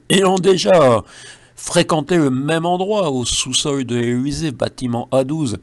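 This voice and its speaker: French man, satirical monologue, gravelly voice, lively pitch, dry close sound. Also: no echo. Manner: mocking, ironic asides. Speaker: satirical commentator.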